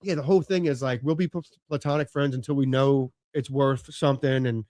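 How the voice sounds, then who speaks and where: A man's voice: mid-range voice, steady tone, fairly quick, darkish tone, no echo. A man in his late thirties talking casually as a podcast guest, rambling with lots of "you know" and "like" and casual swearing. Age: late 30s. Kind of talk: casual conversation.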